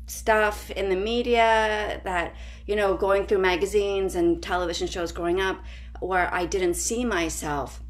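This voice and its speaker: A woman from Canada, an improviser, chatting earnestly and quickly on a video call, often laughing. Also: medium pitch, steady tone. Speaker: panelist, improviser and actor. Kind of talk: casual video call chat. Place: bright home room.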